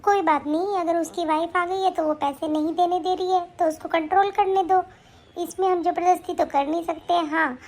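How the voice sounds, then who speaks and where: महिला द्वारा बड़ी बहू: नरम, तसल्ली देती, ऊँची आवाज़, कार्टून कहानी।. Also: female voice, extremely high pitch, fairly even intonation, normal speed, darkish tone. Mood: comforting. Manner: soothing, reassuring. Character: elder sister-in-law, kind and comforting. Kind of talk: animated story voice acting.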